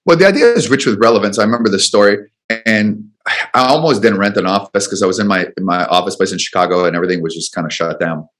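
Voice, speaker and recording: A man's voice: fairly low pitch, quick pace, fairly bright tone. A man, a business coach guest on a radio show, telling a rambling story and acting out the quotes.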